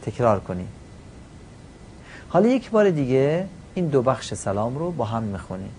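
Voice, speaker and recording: A man teaching pronunciation, chanting each example slowly and giving short, quiet prompts to repeat. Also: mid-range voice, sing-song, a little hiss or hum. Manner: slow drawn-out chanting of the examples. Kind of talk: pronunciation lesson.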